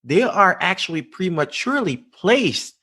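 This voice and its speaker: A man's voice: high voice, sing-song, a little slow, pushed and bright, breathy edge. A man from the Philippines with a Filipino accent, hosting a live-stream interview and asking emphatic rhetorical questions. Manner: repeats words, speaks with emphatic rhetorical questions. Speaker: host.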